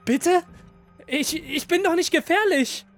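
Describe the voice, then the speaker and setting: A narrator voicing a desperate trapped man who pleads and shouts for help in a horror audio drama. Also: medium pitch, normal speed, faint music behind, voice pushed up, natural voice. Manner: pleading, frantic.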